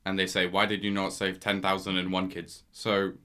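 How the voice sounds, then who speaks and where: A man's voice: low voice, monotone, normal speed, fairly bright tone. A man co-hosting a podcast in casual chat, blunt and laid-back with slangy wording. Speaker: podcast co-host.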